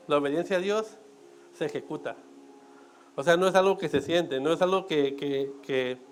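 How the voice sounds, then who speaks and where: A man with a Mexican accent preaches in church in a relaxed, talkative way. His voice sits somewhat high, and he often checks in with his congregation between jokes. A faint background noise runs under his words. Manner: chatty, joking asides, frequent "right?" checks. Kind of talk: conversational sermon.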